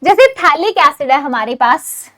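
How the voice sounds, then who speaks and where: A high-pitched woman runs an online chemistry lecture for exam students. She switches between Hindi and English in the same sentence. She keeps stopping to quiz her viewers and asks whether each step is clear. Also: animated, unhurried, sharp tone. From India. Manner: mixes Hindi with English phrases. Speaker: chemistry teacher.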